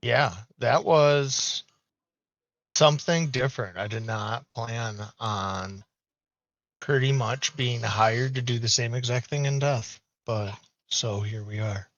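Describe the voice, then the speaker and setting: Man playing a gentle adventurer, muffled. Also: medium pitch, slow, no room sound. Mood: wry. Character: adult male adventurer devoted to his pet. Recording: dull, muffled audio.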